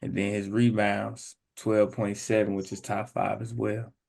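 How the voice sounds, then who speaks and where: A hoarse man co-hosting a sports podcast, talking in a loose, slangy and emphatic way. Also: on the low side, flat delivery, a little slow, a little mellow. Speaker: podcast co-host. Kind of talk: casual sports chat.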